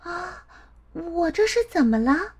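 A woman voicing an innocent little girl in a storybook, with a high, earnest, childlike voice. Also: big pitch swings, takes it slowly, heavily acted. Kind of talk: storybook voice acting.

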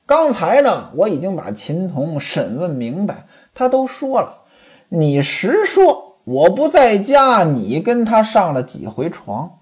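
A husky-voiced woman storyteller voicing an angry, domineering rich man who harshly interrogates and scolds. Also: fairly low pitch, wildly swooping pitch, slow pace, darkish tone, exaggerated voice. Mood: accusing.

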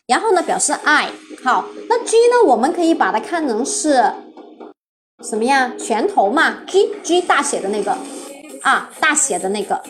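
A woman with a high voice leads a live-streamed English vocabulary lesson. She spells each word letter by letter, quizzes her class and praises them often. Faint music plays quietly under her voice. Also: lively intonation, normal speed. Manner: spells words letter by letter, asks the class questions.

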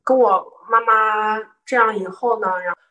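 Young woman, from Guangzhou, casual storytelling, animated, indignant quoted lines, mic set at a distance. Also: a little high, normal speed. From Guangzhou, southern China. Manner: animated, acts out quoted arguments with rising indignation. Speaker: guest telling a personal story. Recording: voice picked up from a distance.

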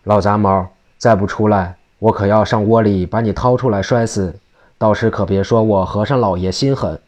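A man voicing a mischievous mad old monk who taunts his foe with rowdy shouts. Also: fairly low pitch, fairly even intonation, normal speed, close to an everyday voice. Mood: taunting.

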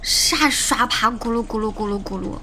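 A woman voicing an excitable, quick-tempered colleague in a fan audio drama. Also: on the high side, a little hiss or hum. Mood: exasperated.

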